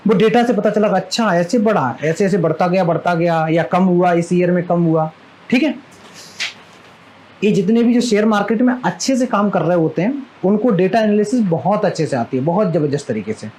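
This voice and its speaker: High-voiced chatty male maths teacher. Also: a little mellow, rough recording. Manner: chatty, fond scolding, keeps asking students questions. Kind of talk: live classroom lecture.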